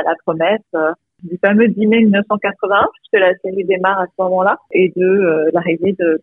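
A woman's voice: fairly low pitch, slightly rough, no echo. A woman TV producer speaking by phone in an interview, hesitant with many fillers. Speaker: TV series producer. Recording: tinny phone line.

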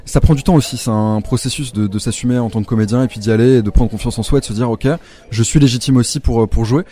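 A man's voice: mid-range voice, steady tone, quick pace, warm tone. A young man speaking candidly and reflectively as an actor guest in a casual interview.

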